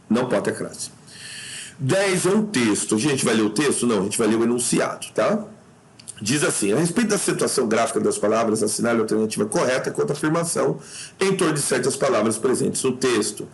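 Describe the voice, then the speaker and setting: Male teacher, informal exam-review delivery, reads a question and then explains it. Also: mid-range voice. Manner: informal, reads questions aloud then comments, frequent "tá?" checks. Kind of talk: casual exam review lesson.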